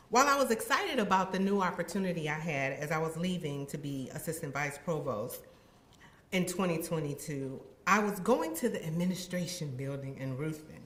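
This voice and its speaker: A woman giving a heartfelt ceremony speech as a university administrator, expressive and acting out her own past thoughts. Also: on the low side. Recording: echoey room.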